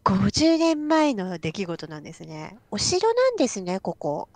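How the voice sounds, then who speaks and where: A woman's voice: mid-range voice, wildly swooping pitch, unhurried, darkish tone, no echo. A woman co-hosting a game let's play, bantering and protesting with a giggle in casual chat on a close mic.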